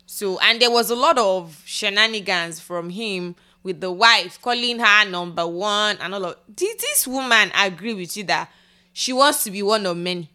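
A woman's voice: medium pitch, moderate pace, bright, forceful tone, smooth. A woman co-hosting a podcast, chatting casually and animatedly, exclaiming and laughing as she talks. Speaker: podcast co-host. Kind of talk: casual chat.

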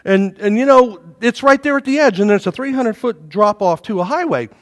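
Animated high-voiced preacher in a ringing hall. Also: male voice, moderate pace. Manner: animated storytelling, acts out voices, jokey. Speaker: pastor. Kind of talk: sermon. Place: church sanctuary. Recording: reverberant hall.

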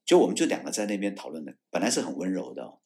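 He talks very fast in a deep voice: a former military judge advocate from Taiwan telling a tale in a casual interview. Animated throughout, he acts out quoted speech and shouts the angry lines, often restarting and repeating what he says.

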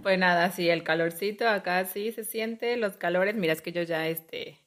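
A Mexican woman co-hosting a relaxed podcast conversation. Her voice sits a little low for a woman, and she talks playfully, often breaking into laughter. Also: normal speed. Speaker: podcast co-host. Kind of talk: casual chat.

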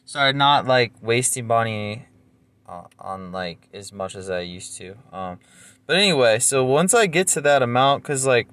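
A man's voice: medium pitch, expressive, unhurried, a bit bright, no echo. A man in his twenties with a nasal voice, rambling through a casual solo monologue with lots of fillers and self-deprecating asides. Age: 20s. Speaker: podcast host.

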